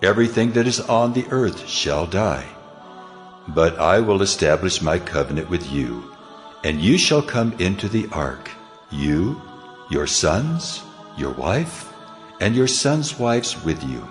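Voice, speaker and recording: An actor playing God in a dramatized scripture reading, a solemn almighty deity speaking in a grave, commanding, declamatory way. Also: male voice, low-pitched, very animated, takes it slowly, full character voice. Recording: long cavernous reverb over music.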